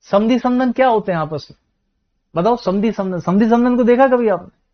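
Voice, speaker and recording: A man's voice: high voice, moderate pace, lo-fi sound. A male teacher giving a live online class, talking to his students in a chatty way and often asking the class questions, then answering them himself.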